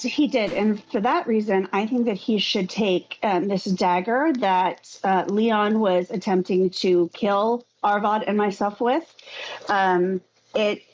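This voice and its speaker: A woman's voice: medium pitch, a little mellow, slight background noise. Woman doing in-character dnd chat, medium voice, bit muffled lo-fi mic. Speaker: tabletop game player. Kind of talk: in-character improvised role-play chat.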